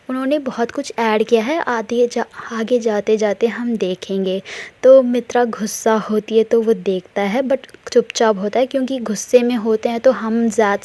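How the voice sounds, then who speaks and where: A woman's voice: fairly high pitch, a little mellow. A woman casually retelling a romance story in a chatty way, mixing in English words. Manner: chatty, mixes English words into her talk.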